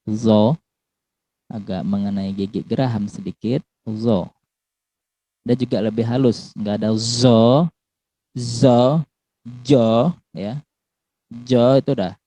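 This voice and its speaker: A man's voice: fairly low pitch, warm tone, dry recording. A man teaching Quran pronunciation to pupils, drawing out letter sounds and adding "ya" after each point. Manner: slow, repeats and drills letter sounds; ends phrases with a questioning "ya". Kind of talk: recorded lesson for pupils.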